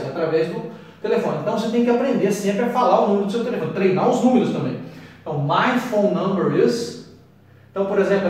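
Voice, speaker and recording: A Brazilian man teaching English, explaining phrases at a board and slowing right down on each English example. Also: high voice, a little mellow. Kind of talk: explaining at a whiteboard. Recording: echoey room, voice from a distance.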